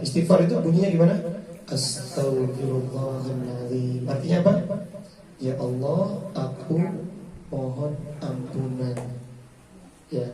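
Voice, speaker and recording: Joking preacher, echoey hall. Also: male voice, fairly high pitch, far from the mic. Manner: lively, joking, quotes Quranic verses. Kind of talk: religious study talk. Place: mosque hall.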